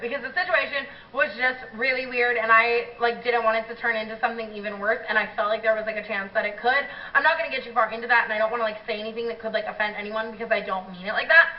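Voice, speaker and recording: A young woman tells a story in a casual vlog, animated and profane, with filler words in almost every phrase. Her voice sits a little high. She is heard from some distance in an echoey room, and the recording sounds dull. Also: fast, few pauses. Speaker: YouTuber.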